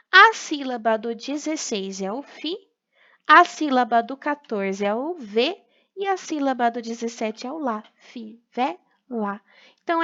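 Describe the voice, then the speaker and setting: A woman's voice: sits high, pushed and bright, lo-fi sound. A Brazilian woman teacher explaining a remote lesson step by step, patiently checking in with her pupils. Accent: Brazilian Portuguese. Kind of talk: recorded remote class lesson.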